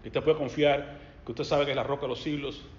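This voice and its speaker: A man preaching a sermon, swinging between loud emphatic passages and quiet low asides. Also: fairly even intonation, fairly quick. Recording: echoey hall, slightly dull sound.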